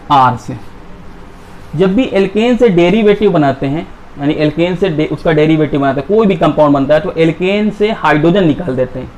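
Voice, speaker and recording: A man's voice: on the high side, a little mellow, slight background noise. A man teaching a chemistry class, who keeps asking his students questions and then answering them himself. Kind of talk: classroom lecture.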